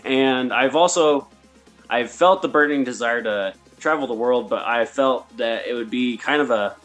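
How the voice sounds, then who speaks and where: A man's voice: mid-range voice, moderate pace, fairly bright tone, soft background music. A man from the United States speaking as an interview guest, giving a casual personal account in a hesitant, polite way.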